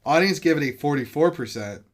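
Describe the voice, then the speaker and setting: A man's voice: on the high side, animated, brisk. Casual man chatting on a podcast. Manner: rambling, casual, swears freely. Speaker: podcast co-host. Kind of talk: casual movie chat.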